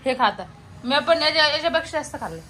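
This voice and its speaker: A woman's voice: high-pitched, lively intonation, quick pace, pushed and bright, slight background noise. A woman chatting in a protesting, insistent way on a casual challenge vlog, her mouth burning from spicy food. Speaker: vlog co-host eating spicy chips.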